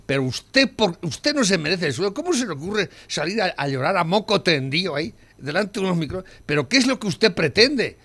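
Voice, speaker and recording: A man's voice: high-pitched, sing-song, brisk, few pauses, fairly bright tone. An older man with a Spanish accent from Spain, co-hosting a talk show and ranting in outrage, tagging lines with "¿eh?". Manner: indignant, ranting, repeats "¿eh?". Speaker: co-host. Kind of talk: heated talk show chat.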